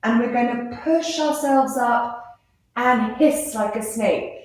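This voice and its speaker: Woman, kids yoga teacher, encouraging, fairly high voice, strong room echo. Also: takes it slowly, slight background noise. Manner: gentle, encouraging, playful instructions. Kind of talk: guiding a children's yoga class. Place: live class in an indoor room. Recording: very echoey room.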